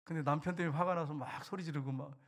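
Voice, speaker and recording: A middle-aged man preaching a sermon as pastor in a church, swinging from raised declarations to hushed low asides. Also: fairly even intonation, quick pace. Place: church sanctuary.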